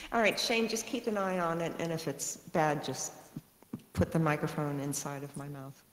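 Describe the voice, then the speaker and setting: A woman's voice: low voice, fairly even intonation, a little slow, long pauses. A woman performer chatting playfully on an online call, her voice drenched in a big hall reverb echo. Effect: heavy big hall reverb echo. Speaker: music contest performer. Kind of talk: casual chat on a live call. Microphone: own microphone over an online call. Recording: echoey remote call audio.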